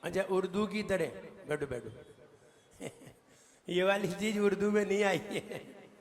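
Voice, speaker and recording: A man, a Jain monk, teaching pronunciation of a devotional hymn, patiently correcting and repeating words and slowly chanting verses. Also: high-pitched. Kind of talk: pronunciation lesson. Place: temple hall. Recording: long hall reverb.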